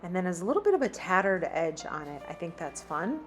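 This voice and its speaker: A shopping vlogger with a fairly low voice talks fairly quickly with big swings in pitch, all over music. She wanders a large store chatting casually and reading prices out loud.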